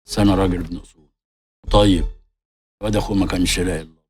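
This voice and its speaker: An actor playing a proud neighborhood strongman who boasts in a gruff way, with an Egyptian accent. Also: sits low, steady tone, very fast, a little mellow, natural voice. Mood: gruff boasting.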